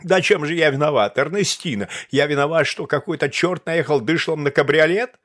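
A man reading an audiobook, voicing an excitable, impulsive young gentleman who speaks in agitated, exclamatory outbursts. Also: a little high, a little fast, pitched above the performer's own voice, close to an everyday voice. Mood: pleading.

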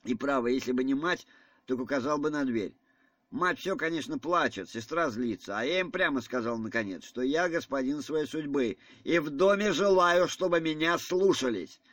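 A man's voice: medium pitch, expressive, normal speed, a bit bright, no echo. A man doing a nervous proud young man. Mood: defensive. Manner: hesitant, defensive.

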